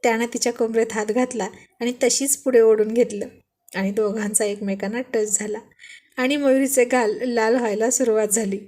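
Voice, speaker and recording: Brief: female storyteller reading a romance, plain telling, higher-pitched. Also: steady tone, moderate pace, dark tone. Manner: plain storytelling, voicing all the characters herself. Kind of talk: storybook narration.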